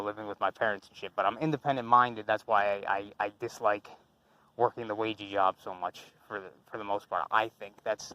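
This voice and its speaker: The audio is poor on this clip of a young man, a channel host, offering off-the-cuff commentary. His low-leaning voice is smooth and slightly bright. He rambles with lots of fillers and restarts, cursing casually as he goes.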